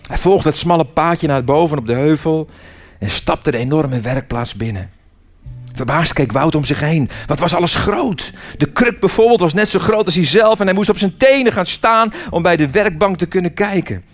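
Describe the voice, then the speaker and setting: A man reading a children's story aloud in an expressive, animated way. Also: fairly high pitch, normal speed, faint music behind.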